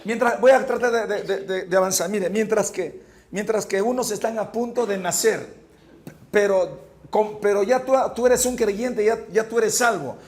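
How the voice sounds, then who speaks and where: A male pastor preaching a fervent sermon, moving from hushed storytelling to shouted points and often repeating words. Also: sits high, moderate pace, slight background noise. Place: church.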